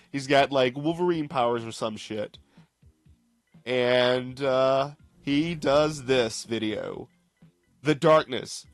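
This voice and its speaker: A man's voice: medium pitch, no echo. A man narrates mocking commentary with a sarcastic, laughing edge and bursts of mimicry. His voice is close and dry, with no room around it.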